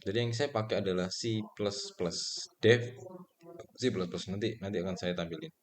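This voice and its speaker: A man's voice: sits low, moderate pace. A man giving a casual programming lecture, talking loosely with fillers and self-corrections, and answering his own questions. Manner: relaxed and conversational, with frequent fillers and self-corrections; asks questions and answers them himself.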